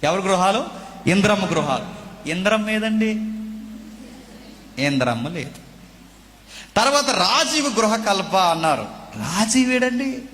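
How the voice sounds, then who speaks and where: Male pastor, somewhat high and bright, preaching in a hall with long reverb; rhetorical questions, loud declaiming traded with quiet asides. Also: very animated, a little slow, pauses often, a little hiss or hum. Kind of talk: sermon.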